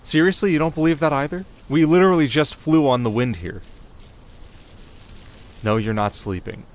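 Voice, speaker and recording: In an ASMR roleplay, a man with a fairly high, natural voice plays a cocky, playful young winter spirit, chatting at a moderate pace with sarcastic, teasing banter. Clear outdoor ambience can be heard behind him.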